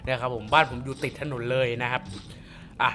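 A man reviewing a fighting game character, talking through the moves and exclaiming loudly at the flashy attacks. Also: medium pitch, a little fast. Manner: excitable, exclaims and gasps often. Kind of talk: excited gameplay commentary. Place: home beside a busy road.

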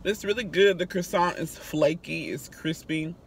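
A woman's voice: low voice, moderate pace, slight background noise. A woman hosting a casual food review vlog, talking to her viewers in a chatty, conversational way. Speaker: food reviewer and channel host.

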